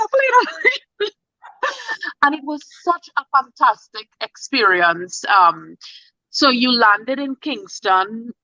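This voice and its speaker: A woman's voice: a little high, sharp tone, no echo, highs cut off. A woman in her forties, a guest telling her travel story in a chatty, enthusiastic way. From Trinidad. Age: 40s. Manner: enthusiastic, chatty, bursts of quick speech. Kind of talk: casual interview chat.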